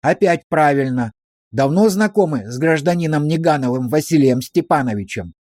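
A shrewd village policeman, read by a male narrator, who questions slowly and drily, with a stern, ironic edge. The voice sits a little high for a man and is recorded close and dry, like an audiobook. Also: lively intonation, darkish tone, no echo. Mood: interrogating.

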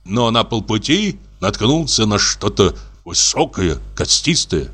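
A man narrates a classic story with measured, expressive delivery. His pitch rises and falls in a lively way. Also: husky. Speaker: audiobook narrator. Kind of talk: literary audiobook reading.

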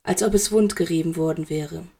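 A woman narrates a fan fiction story aloud as an audiobook. Her delivery is steady and expressive, with a gravelly, creaky texture to her voice. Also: lowish voice, fairly quick.

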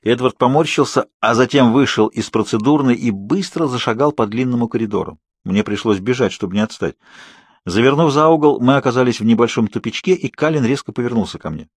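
A man narrating an audiobook in a steady, measured storytelling manner. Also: mid-range voice, slightly rough, dry recording, clean studio sound. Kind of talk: scripted narration.

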